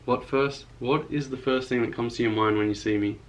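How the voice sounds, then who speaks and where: A young man co-hosting a casual question-and-answer chat with his wife, relaxed and easygoing, his speech halting with fillers. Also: mid-range voice, a little hiss or hum. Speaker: co-host of a couple's channel.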